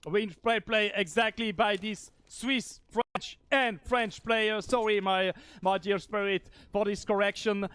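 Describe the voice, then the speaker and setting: A man with a Spanish accent calling esports play-by-play, excitable and shouting on big plays. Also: sits high, unhurried, hardly any pauses, slight background noise. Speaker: esports caster.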